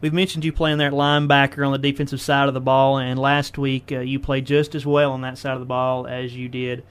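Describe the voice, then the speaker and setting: A man hosting a local high school sports radio show, asking folksy leading questions. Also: completely flat delivery, brisk, clean tone. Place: radio studio.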